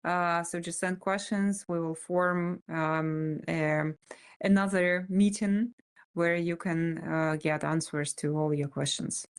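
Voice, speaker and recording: A woman's voice: fairly low pitch, fairly even intonation, slow pace, smooth. A woman with a Russian accent speaking informally as a guest at a seminar.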